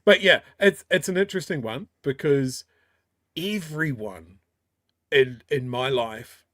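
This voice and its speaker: A man's voice: medium pitch, slow, fairly bright tone, dry recording, clean studio sound. A man with a broad New Zealand accent, co-hosting a talk show and telling personal anecdotes in casual chat.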